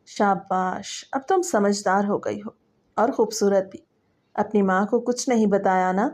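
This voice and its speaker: A woman voicing a predatory middle-aged stepfather who speaks softly and coaxingly, then threatens, in a dramatic story reading. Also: mid-range voice, close to an everyday voice. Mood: leering. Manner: soft coaxing voice that turns to threats.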